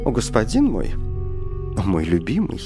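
A man's voice: fairly low pitch, wildly swooping pitch, moderate pace. A man doing a coy teasing young woman. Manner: coy, mock-scolding. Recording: faint music underneath.

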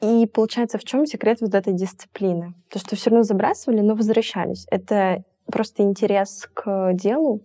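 A woman's voice: medium pitch, fairly quick, hardly any pauses, mellow. A woman hosting an interview, asking earnest, reflective questions. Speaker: podcast host.

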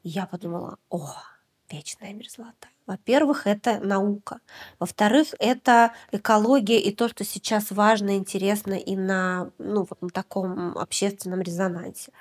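A woman's voice: mid-range voice, normal speed. Hesitant woman director from Yakutia. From Yakutia, Russia. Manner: reflective, hesitant, many filler sounds. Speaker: documentary film director. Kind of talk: conversational podcast interview.

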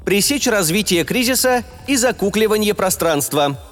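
Man as a cold, high spaceship computer voice. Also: expressive, normal speed, a bit bright. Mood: cold, official. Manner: cold, clipped, official spaceship announcement. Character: coldly official spaceship computer voice issuing orders. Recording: long reverb, music behind.

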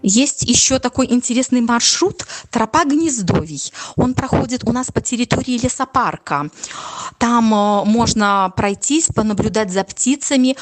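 A woman's voice: on the high side, expressive, normal speed. A woman working as a tourism manager, explaining things informally as an interviewee. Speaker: tourism manager at a nature reserve.

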